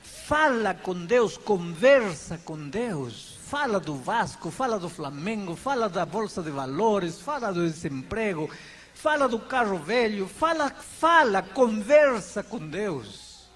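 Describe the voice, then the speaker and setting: A male pastor preaching an animated, conversational sermon and acting out little prayers and chats. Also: sits high, slow. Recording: long hall reverb, faint background noise.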